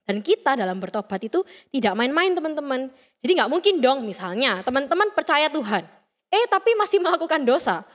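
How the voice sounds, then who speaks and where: A woman's voice: sits high, very animated, fairly quick. A young woman giving a chatty, playful youth sermon, often acting out quoted voices. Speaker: youth service speaker. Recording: reverberant hall sound.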